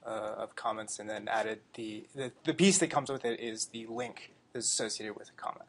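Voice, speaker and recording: A man's voice: on the low side, steady tone, moderate pace, a little hiss or hum. A man giving a casual presentation at a developer meetup, talking loosely with lots of fillers. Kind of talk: casual tech demo talk. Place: meeting room.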